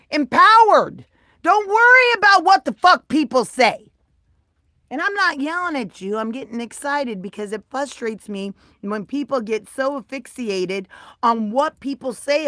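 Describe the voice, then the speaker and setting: High-voiced, excitable woman streamer. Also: no echo, clean studio sound. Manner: chatty, swings from soft mutters to loud excited bursts, swears freely. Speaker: live streamer chatting with viewers. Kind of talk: casual live-stream chat.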